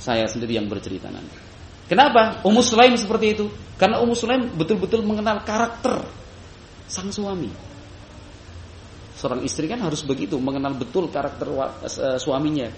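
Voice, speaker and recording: A man preaching a sermon, telling a story in a lively way and acting out high voices for the people in it. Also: a little fast. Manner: lively, acts out quoted voices in high pitch. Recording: echoey room with faint background noise.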